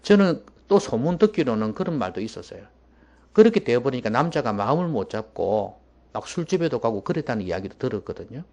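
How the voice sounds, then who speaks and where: A man preaching a sermon as pastor in a church, emphatic and at times dropping to a hushed voice. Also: mid-range voice, very animated, brisk, vocal fry, dull audio.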